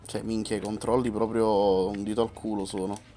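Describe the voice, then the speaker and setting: A man's voice: lowish voice, level tone, moderate pace, dark tone, slight background noise. A man giving casual, colloquial gameplay commentary with some mild swearing. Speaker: gamer.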